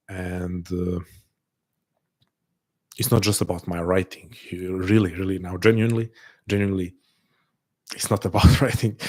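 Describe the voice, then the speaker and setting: This man's voice is low and a little mellow. He hosts a live online call, speaking to his audience in a reflective, earnest way, often repeating words and restarting phrases as he thinks out loud.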